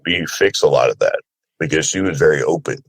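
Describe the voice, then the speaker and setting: This man's pitch is extremely low and his pace brisk; the audio is poor though echo-free. A voice actor and panelist from Sri Lanka who grew up in America, he chats candidly and informally about himself, regularly checking in with whoever is listening.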